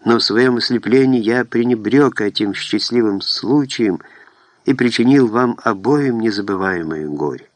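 Man doing a guilty young noble making his confession, earnest, kinda low, dry sound. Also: normal speed, no echo, natural voice.

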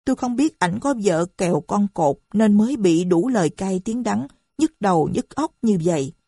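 A defiant young woman answers back in a higher, quick voice, as a woman reader puts her on. Her tone is sulky and sharp, with a husky grain and a dry, close sound. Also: lively intonation, no room sound.

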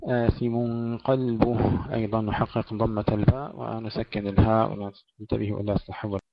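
A man teaching Quran recitation, moving between slow melodic recitation and brisk spoken explanation of pronunciation. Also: lowish voice, little pitch movement, creaky, no room sound, lo-fi sound.

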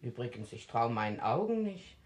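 A woman's voice: very deep voice, very animated, normal speed, a little mellow. An actress playing a chatty, teasing neighbour woman in a 1960s radio drama. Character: nosy gossiping village neighbour woman.

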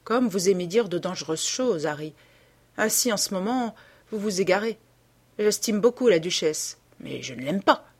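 A woman reading the lines of a playful, teasing duchess in a bantering tone, with a slightly husky voice. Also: medium pitch, animated, moderate pace.

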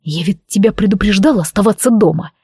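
A woman voicing a passionate, possessive male warrior lover who speaks in a low, commanding growl. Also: a little fast, mellow, breathy edge, dry recording, studio quality.

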